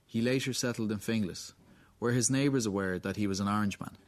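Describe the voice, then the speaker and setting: A man reading scripted documentary narration in a measured way. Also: fairly low pitch. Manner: measured, clear delivery. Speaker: reporter, narrator.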